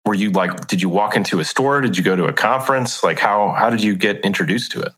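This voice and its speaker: A man's voice: fairly low pitch, fast talker, a bit bright, breathy edge. Curious male podcast host. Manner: curious, rambling multi-part questions. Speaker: interview host. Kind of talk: casual interview questions.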